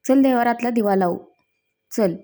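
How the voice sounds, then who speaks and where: A woman's voice: on the high side, moderate pace, mellow, close to an everyday voice. A woman voicing a devout, soothing mother. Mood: soothing prayerful. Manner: soothing, prayerful. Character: worried, devout middle-aged mother.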